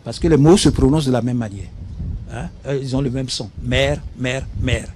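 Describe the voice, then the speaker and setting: A man from Benin, a guest expert on public speaking, explains speaking skills on a studio talk show, recorded on a studio mic with a little hiss or hum. His mid-range, dark-toned voice moves at a moderate pace as he teaches patiently, spells out words, and asks "hein?"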